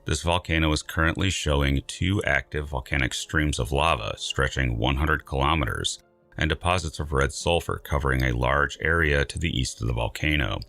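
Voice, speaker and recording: Man, scripted science narration, extremely low pitch, bright forceful tone, emphatic delivery, music behind. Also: normal speed, vocal fry.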